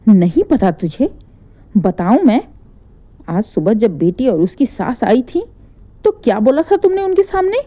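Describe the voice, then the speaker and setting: A woman voicing an angry, domineering older mother-in-law who scolds loudly. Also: high voice, sing-song, measured pace, long pauses, pitched above the performer's own voice. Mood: furious. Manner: scolding, shouting in anger.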